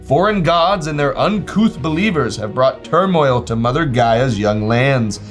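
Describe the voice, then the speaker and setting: A man reading the lines of a solemn female oracle in his own plain voice, measured and grand. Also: rumbling low, lively intonation, soft background music. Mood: portentous. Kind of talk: reading flavor text aloud.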